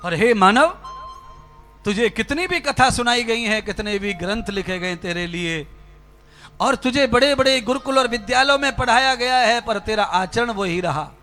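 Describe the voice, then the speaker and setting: A man's voice: very high voice, expressive, normal speed, pushed and bright, faint music behind. A man giving a religious sermon, speaking fervently and rhetorically and addressing his listeners directly. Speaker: spiritual preacher. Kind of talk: Hindi religious discourse.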